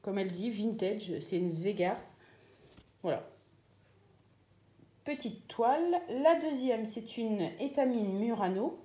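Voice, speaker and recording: Woman showing her craft haul, mellow voice, lots of ums, echoey room. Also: mid-range voice, animated, slow pace, pauses often. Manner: chatty, hesitant with many fillers. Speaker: craft vlogger. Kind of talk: casual show-and-tell.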